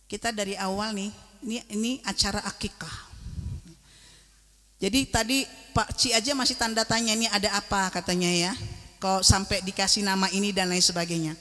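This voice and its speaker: A woman preacher, giving a joking, lively sermon at a religious gathering over a handheld microphone. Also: medium pitch, big-room sound. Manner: joking, lively, slips into Javanese. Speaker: female Islamic preacher. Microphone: handheld microphone on a sound system.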